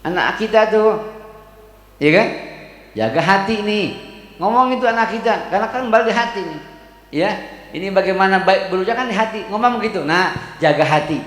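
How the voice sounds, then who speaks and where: Betawi male preacher, a bit high-voiced, mixes slow Arabic recitation with folksy slang; roomy hall with long reverb. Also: expressive, fairly bright tone. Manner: recites Arabic slowly, then explains in casual Jakarta slang. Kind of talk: mosque sermon. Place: mosque hall. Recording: echoey mosque hall.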